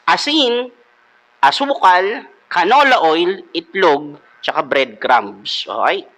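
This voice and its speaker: Brief: male devotional host, slightly high, crisp bright tone, playful teacher who quizzes the audience. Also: expressive, moderate pace. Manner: playful, quizzing listeners, mixing in English. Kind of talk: comedic live devotional talk.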